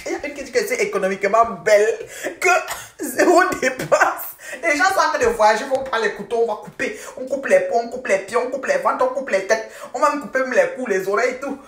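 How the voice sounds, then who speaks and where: A woman's voice: a little high, fast, hardly any pauses, far from the mic, faint music behind. An older woman hosting a casual live stream from home, chatting affectionately with viewers, repeating pet names and laughing often. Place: at home, indoors. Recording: roomy, voice off the mic.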